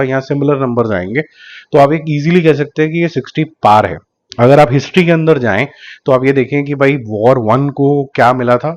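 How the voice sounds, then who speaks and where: A man with a sore, slightly hoarse throat gives casual commentary, reading out figures slowly and carefully and slipping English terms into his talk. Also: mid-range voice. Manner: deliberately slow, careful delivery of figures. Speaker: box office analyst YouTuber. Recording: slightly dull lo-fi recording.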